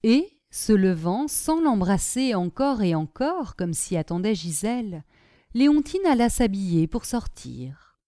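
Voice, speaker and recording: Woman, audiobook narrator, animated intonation, dry close recording. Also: mid-range voice, measured pace, no echo. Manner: expressive storytelling.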